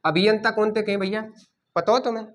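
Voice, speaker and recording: A man teaching a coaching class, dictating notes and repeating key words slowly so students can write them down. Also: high-pitched, fairly even intonation, fairly bright tone.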